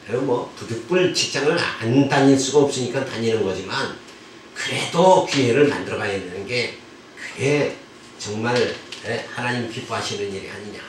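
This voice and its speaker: A man's voice: medium pitch, background noise. A middle-aged man, a pastor, lecturing on the Bible in a conversational way and often posing rhetorical questions to the class. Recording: echoey room, far from the mic.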